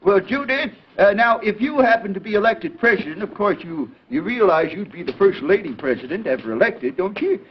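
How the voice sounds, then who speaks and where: A man's voice: high-pitched, animated, a little fast, hardly any pauses. An American man hosting a 1950s children's television show, chatting with kids in a folksy, exclamatory, coaxing way. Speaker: children's TV host. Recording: dull, noisy vintage 1950s TV broadcast.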